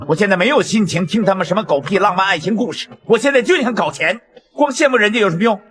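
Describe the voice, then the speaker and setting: A man's voice: sits high, fast talker, close to an everyday voice. An actor playing a brash, ambitious male gangster boss who is hungry for money, in dramatic drama dialogue. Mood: impatient, driven.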